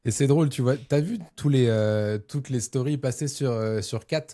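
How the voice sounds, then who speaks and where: A man co-hosting a casual basketball podcast, relaxed and hesitant, with many fillers. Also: mid-range voice, moderate pace. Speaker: podcast co-host. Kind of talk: casual chat about basketball.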